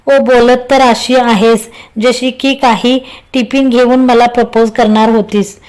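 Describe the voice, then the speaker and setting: A woman's voice: a little high, fairly even intonation, unhurried, darkish tone, natural voice. A woman voicing Abhay, a teasing young man. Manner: teasing and playful.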